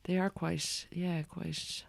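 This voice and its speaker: A woman's voice: lowish voice, flat delivery, slow, creaky, no echo. An Irish woman chatting casually as a guest, in a hesitant, meandering way. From Ireland. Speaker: guest, stand-up comedian. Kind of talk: casual chat.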